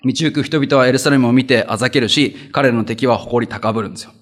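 A man delivering a sermon. He preaches in a conversational way, repeats phrases for emphasis and slows down when reading scripture. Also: mid-range voice. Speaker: pastor.

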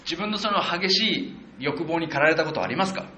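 Man preaching a sermon, bright and echoey. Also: fairly quick, a little hiss or hum. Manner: animated, acts out quotes of the people with shifts of pitch; conversational, with self-corrections and fillers. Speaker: pastor. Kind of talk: sermon, verse-by-verse Bible exposition.

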